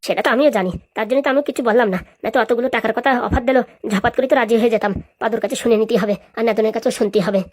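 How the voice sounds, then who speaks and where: A woman voicing a gruff, impatient village man in a cartoon who gives orders as he talks. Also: fairly high pitch, rapid-fire, few pauses, voice pushed down, lightly acted. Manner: gruff, commanding. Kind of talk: cartoon voice acting.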